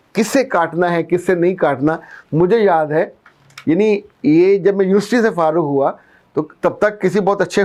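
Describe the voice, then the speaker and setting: A man's voice: fairly high pitch, darkish tone. A man with a Pakistani Urdu accent giving earnest life-coach advice to viewers and explaining it through everyday examples.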